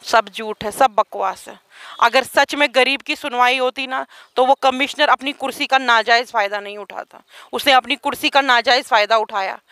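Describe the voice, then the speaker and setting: A woman's voice: fairly high pitch, moderate pace, pushed and bright, dry recording. A woman giving an urgent, aggrieved account as an interviewee, speaking outdoors. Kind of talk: emotional testimony.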